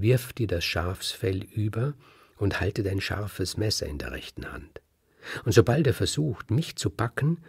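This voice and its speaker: Man voicing a hushed old grandmother sheep. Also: fairly low pitch, vocal fry, breathy edge, dry recording, studio quality, exaggerated voice.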